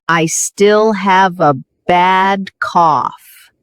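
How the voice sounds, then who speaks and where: Very slow woman reading example sentences. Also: fairly low pitch, clean tone, no room sound, clean studio sound.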